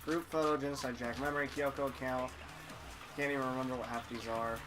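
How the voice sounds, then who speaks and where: A man's voice: medium pitch, steady tone, fast. Casual male gamer over game music. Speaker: let's play host. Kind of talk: casual gameplay commentary.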